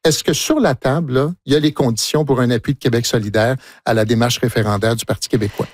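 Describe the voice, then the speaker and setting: A man interviewing a politician on radio, asking measured, probing questions. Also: mid-range voice, steady tone, no room sound.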